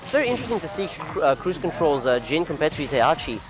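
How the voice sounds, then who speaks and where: Commentating a fighting game tournament, a man with a fairly high, very animated voice talks fast, chatty and rambling, laughing at his own clumsy phrasing since English isn't his first language. Loud music plays behind him.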